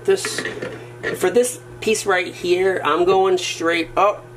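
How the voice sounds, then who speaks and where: A hobbyist with a high-sitting voice and steady tone takes his time narrating a workshop project indoors at a wooden bench or floor. He mutters as he works and jokes wryly about his mistakes, the camera framed on his hands, amid background noise.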